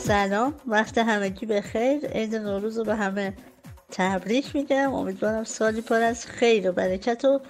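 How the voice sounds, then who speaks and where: A woman telling a gentle, wry personal anecdote after festive greetings. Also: a little high, over music. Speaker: storyteller sharing a memory.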